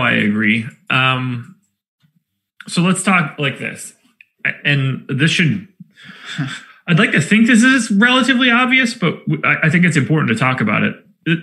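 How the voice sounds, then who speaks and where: Man, fantasy sports co-host, gravelly fry, bright sharp tone, step-by-step explaining. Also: mid-range voice. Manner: explanatory, lays out rules step by step. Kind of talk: casual analytical chat.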